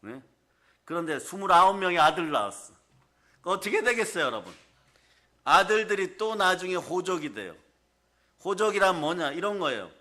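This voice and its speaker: A male pastor preaching a sermon to his congregation in a church, often firing questions at them and telling animated stories. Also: high-pitched, moderate pace, long pauses. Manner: keeps asking the congregation questions.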